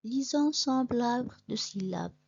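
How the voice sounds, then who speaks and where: A woman teaching young children to read, sounding out letters and syllables slowly and deliberately. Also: fairly high pitch, animated, dry recording, lo-fi sound, faint music behind. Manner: spells letters then syllables, clear and deliberate. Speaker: reading teacher. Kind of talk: slow reading lesson for young children.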